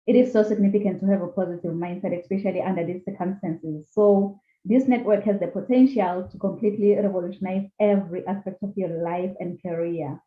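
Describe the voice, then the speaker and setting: A woman hosting an online talk show, greeting viewers warmly and introducing her guest. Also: medium pitch, fairly even intonation, fairly quick, hardly any pauses. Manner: upbeat, welcoming, formal reading of a disclaimer. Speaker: podcast host. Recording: echoey, tinny phone-like call audio.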